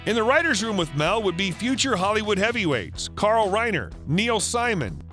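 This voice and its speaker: A male narrator with a high, bright voice reads a scripted biography in a steady, even delivery. Soft music sits faintly underneath the read. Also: moderate pace.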